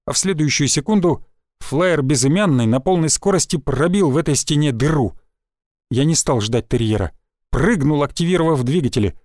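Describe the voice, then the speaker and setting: A man reading a first-person audiobook in a steady, even storytelling manner. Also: on the high side, a little fast, no echo, studio quality. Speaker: audiobook narrator. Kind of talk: scripted first-person narration.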